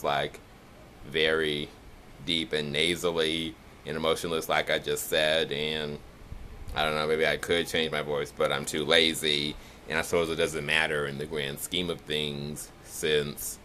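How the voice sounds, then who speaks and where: A young male vlogger from the Chicago area, speaking with a Chicago accent, talks in a nasal, monotone way for a casual accent challenge video. His pitch is extremely low, and there's slight background noise.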